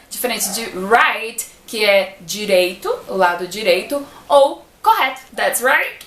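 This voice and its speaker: A Brazilian woman teaching English pronunciation in a casual online lesson, lively and full of examples. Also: a little high, roomy sound. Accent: Brazilian Portuguese.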